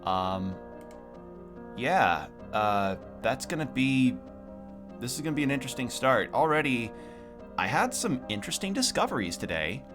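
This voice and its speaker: Playing a game at home, this young man talks casually to his livestream audience in a medium-pitched voice with big pitch swings and a moderate pace. Music plays in the background. He sounds slightly sniffly because his room is cold.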